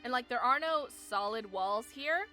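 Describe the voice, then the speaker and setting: Woman streamer, slightly high voice, live game commentary, chatty, explains rules step by step, lots of fillers. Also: lively intonation, normal speed, bright, forceful tone, soft background music.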